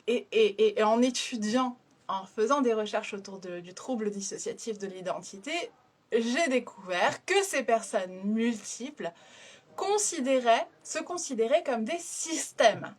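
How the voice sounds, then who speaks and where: A woman's voice: a little high, animated, unhurried. A woman explaining a therapeutic approach to her listeners, hesitant, with many fillers and restarted phrases. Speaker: systemic hypnotherapist. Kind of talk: explanatory talk to an audience.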